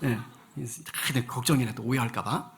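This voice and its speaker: A male senior pastor giving a lively sermon in church, acting out voices and asking the congregation questions. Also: medium pitch, normal speed. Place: church sanctuary.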